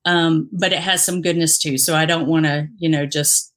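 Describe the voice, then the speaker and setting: A woman with a somewhat low voice talks in a candid interview. She is earnest and reflective, and she pauses often with fillers and restarts her sentences. She grew up in the Dominican Republic. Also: steady tone, a bit bright. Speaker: interview guest, injured former police officer.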